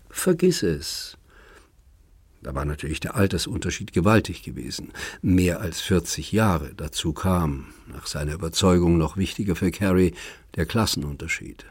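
Brief: deep, husky male narrator for literary audiobook; even, measured reading, close dry studio sound. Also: dry recording.

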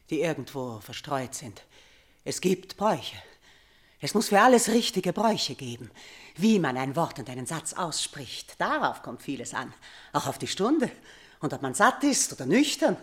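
An actress playing an aging queen and mother haunted by nightmares, in theatrical 1950s radio drama style, swinging from loud cries to hushed near-whispers. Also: on the low side, sing-song, moderate pace. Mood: brooding.

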